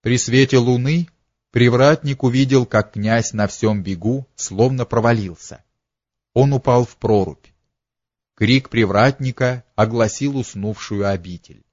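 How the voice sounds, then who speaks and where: A man reading a literary story aloud as narrator, in a slow, dramatic storytelling manner. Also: mid-range voice, a little mellow, no echo, lo-fi sound.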